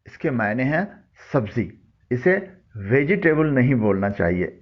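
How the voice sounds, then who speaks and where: A man teaching pronunciation in a scripted, measured voice-over, spelling each word out letter by letter before saying it. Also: mid-range voice, very animated, dull audio. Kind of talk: scripted instructional narration.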